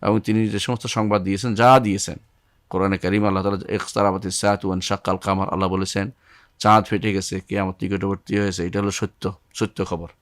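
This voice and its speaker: A man's voice: deep voice, flat delivery, a bit bright, dry recording, clean studio sound. An older man teaching an Islamic studies lesson, reciting Arabic verses and explaining them with many repetitions and restarts. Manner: recites Arabic verses then explains in Bengali, repeating key phrases; halting, restarts words.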